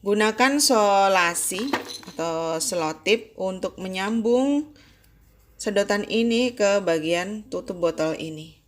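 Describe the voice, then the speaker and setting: A woman explaining sewing machine upkeep step by step, slow and instructive, addressing the viewer formally. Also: mid-range voice, a little hiss or hum. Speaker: sewing tutorial host. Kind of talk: step-by-step tutorial narration.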